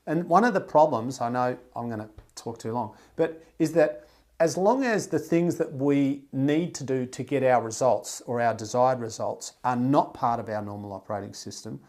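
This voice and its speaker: Fillers, restarts, and free swearing run through this podcast host's blunt, emphatic, animated talk. He speaks at a moderate pace in a mid-range voice during a casual podcast conversation.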